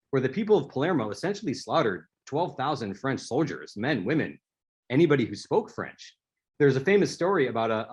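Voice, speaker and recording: A husky, medium-pitched male voice belongs to an author delivering a prepared speaker-series talk. His manner is storytelling, broken by a few restarts.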